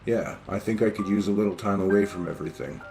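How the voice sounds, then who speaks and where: A man's voice: lowish voice, fairly even intonation, quick pace, creaky, a little mellow, faint music behind. A man voicing a tired but teasing young woman in a read-aloud horror story.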